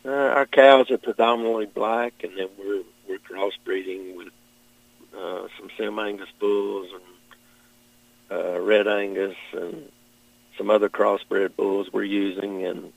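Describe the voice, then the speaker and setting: A middle-aged man with a Kentucky Southern accent, answering interview questions as a farmer in a plain-spoken, halting, measured way. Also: fairly low pitch, steady tone, vocal fry, dry recording, poor audio. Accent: Southern American, Kentucky.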